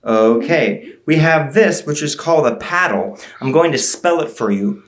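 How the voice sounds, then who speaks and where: A woman with a low-pitched voice plays to children as a party magician. She teases playfully and coaxes them along with questions in magic show patter. The sound is roomy and echoing. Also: animated, moderate pace.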